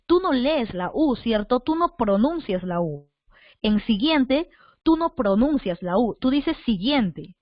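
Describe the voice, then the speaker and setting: A woman teaches an online class in a slightly high voice. She goes over each point more than once and keeps checking in with rhetorical questions. The sound is dry and a bit muffled. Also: no echo. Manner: patient, repeats points, asks the listener rhetorical questions.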